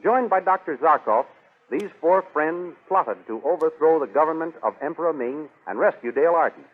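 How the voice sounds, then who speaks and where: High-pitched 1930s American radio announcer man. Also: lively intonation, moderate pace, husky. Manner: formal, dramatic, declamatory. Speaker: announcer and narrator. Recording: tinny 1930s radio broadcast recording.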